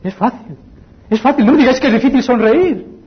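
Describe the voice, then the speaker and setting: A man with a Spanish accent preaching a sermon, addressing the congregation as brothers, swinging between hushed pleading and raised fervent exhortation. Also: extremely high pitch, lively intonation, fairly quick, slightly rough. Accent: Spain Spanish. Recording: dull lo-fi recording.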